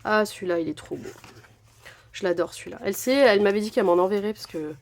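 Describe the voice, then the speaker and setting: A woman's voice: mid-range voice, fast. Woman vlogger, casual unboxing chat, effusive, lots of fillers. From France. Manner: chatty, gushing, many fillers. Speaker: crafting vlogger.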